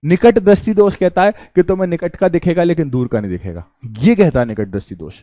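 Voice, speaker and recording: A young male teacher giving a calm, chatty lecture, often asking a question and answering it himself. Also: a little high, fast, dry recording, clean studio sound. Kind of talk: classroom lecture.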